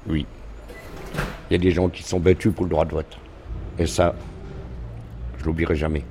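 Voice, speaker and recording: A man's voice: low-pitched, little pitch movement, normal speed, mellow, a little hiss or hum. A man answering interview questions bluntly and curtly, growing indignant. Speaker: interviewed voter. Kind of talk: street interview.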